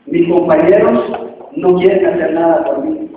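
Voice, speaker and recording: A man's voice: fairly high pitch, measured pace, distant mic, slight background noise, lightly acted. A man voicing a desperate drowning fisherman, pleading with repeated cries for rescue, heard on a tinny, echoey recording from across a hall.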